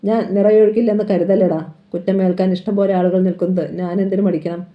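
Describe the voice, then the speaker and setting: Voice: mid-range voice, level tone, fast talker, lightly acted. A narrator voicing a fierce, defiant middle-aged strongman who taunts and threatens his enemies, read from a crime novel on a dull lo-fi recording. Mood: menacing. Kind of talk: dramatic novel reading.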